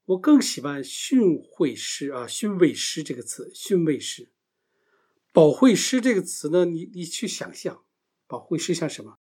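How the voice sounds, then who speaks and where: A man teaches a Bible lesson in a voice pitched a little above the usual male range. He lays out his points step by step, often posing a question and then answering it. His loudness rises and falls as he moves nearer to the mic and away from it. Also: big pitch swings, unhurried.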